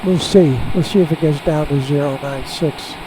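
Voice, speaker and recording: A man flying a small jet who talks through each step in a relaxed, halting way, heard over a pilot headset in the cockpit. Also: on the high side. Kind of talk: casual narration while flying. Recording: steady cockpit and engine noise.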